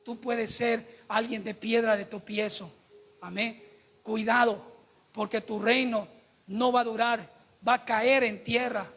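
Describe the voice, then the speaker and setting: A man's voice: extremely high pitch, little pitch movement, measured pace, fairly bright tone. A man preaching a sermon to his congregation, emphatic and full of rhetorical questions put to the listeners.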